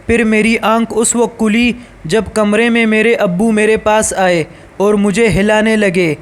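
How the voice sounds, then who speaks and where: A man reading a scripted story aloud in a steady, even storytelling voice. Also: high-pitched.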